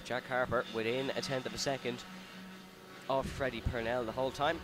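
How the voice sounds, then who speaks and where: A man's voice: medium pitch, fairly even intonation, normal speed. A man giving live motorsport commentary, calling the race in running play-by-play that rises with the action. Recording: loud engine and outdoor track noise. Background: kart engines at an outdoor circuit.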